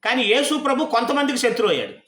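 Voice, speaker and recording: A man's voice: very high voice, very animated, very fast, fairly bright tone, reverberant. A male pastor preaching a sermon, constantly firing rhetorical questions at his congregation.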